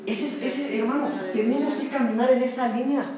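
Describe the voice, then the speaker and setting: A very high, steady male voice delivers a passionate sermon fairly quickly, with crowd noise around him. The pastor repeatedly addresses the congregation as "brother," his words echoing through the church sanctuary.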